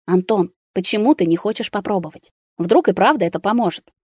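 A woman voicing an anxious middle-aged mother who speaks softly and pleadingly, close to tears. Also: medium pitch, lively intonation, fairly quick, breathy edge, dry recording. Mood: worried.

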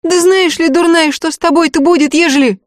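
A woman reading aloud voices a jumpy young peasant girl with shrill, breathless exclamations. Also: fairly even intonation, a little fast, no echo, studio quality. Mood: alarmed.

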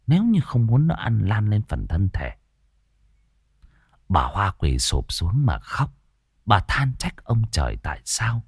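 A man's voice: fairly low pitch, husky, no echo, clean studio sound. A man narrating a ghost story with an emotive, dramatic delivery.

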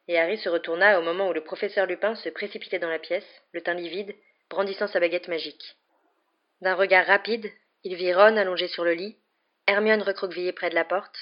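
A woman narrating an audiobook in a steady storytelling manner, on a slightly muffled recording. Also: on the low side. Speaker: audiobook reader. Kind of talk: scripted narration.

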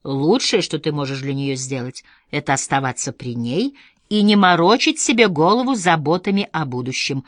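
A practical district nurse coaxes and reassures in a brisk, cheerful tone, as a woman reader gives her voice. The voice is low and sounds close and dry. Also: expressive, no echo. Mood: coaxing. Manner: professionally cheery, coaxing.

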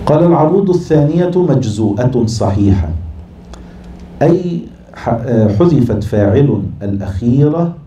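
A man's voice: medium pitch, lively intonation, normal speed, pauses often, mellow. A man teaching poetic meter in class, scanning verses aloud syllable by syllable. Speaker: sheikh teaching Arabic prosody. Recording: echoey room, from far off, faint noise.

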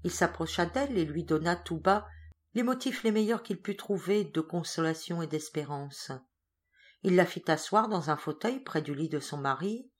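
A woman reading a classic novel aloud as an audiobook, in a measured storytelling way. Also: on the low side, animated. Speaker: audiobook reader. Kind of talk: scripted narration.

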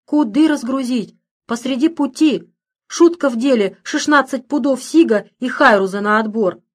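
A woman's voice: high-pitched, normal speed. Woman telling a folksy village tale. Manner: lively, conversational, folksy. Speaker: audiobook reader. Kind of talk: first-person storytelling in rural folk speech.

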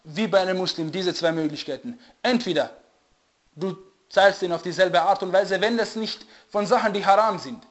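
A religious teacher with a high-pitched voice gives a lecture, often pausing to search for the right German words and asking listeners to confirm they follow. The recording is dull and lo-fi.

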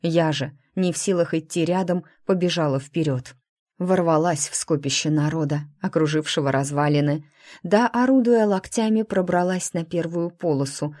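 A woman narrating a first-person audiobook in an even, expressive storytelling voice. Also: low voice, normal speed, no room sound, studio quality.

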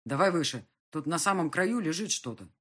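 A sulky young male ghost grumbles and sneers in coarse slang from the bottom of a pit, with a woman putting him on in a storybook reading. His low, husky tone stays unimpressed and sarcastic. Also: lively intonation, a little fast.

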